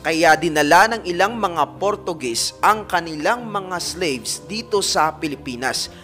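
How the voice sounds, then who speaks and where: Man telling a spooky story, high bright voice, talks right to his audience, faint music underneath. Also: animated, unhurried. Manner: addresses listeners as a fan group, dramatic retelling. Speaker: narrator of a paranormal story channel. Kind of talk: storytelling narration.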